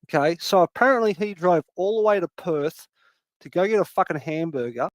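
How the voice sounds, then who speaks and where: A man's voice: high-pitched, expressive, fairly quick, dry recording. A man hosting a casual chat, telling rambling stories and swearing constantly. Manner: profane, rambling storyteller. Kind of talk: casual conversation.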